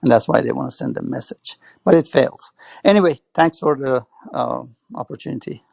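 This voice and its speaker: A man's voice: mid-range voice, moderate pace, creaky, darkish tone, husky, no room sound. A man speaking in an online audio chat room, hesitant, repeating words and saying "you know" often. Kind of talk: casual spoken remarks.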